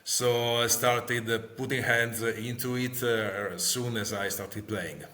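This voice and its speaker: Halting Italian-accented man, bright voice. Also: mid-range voice, fairly even intonation. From Italy. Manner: halting, searching for words with repeated words. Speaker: guest, guitar maker. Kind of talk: interview answers, casual explanation.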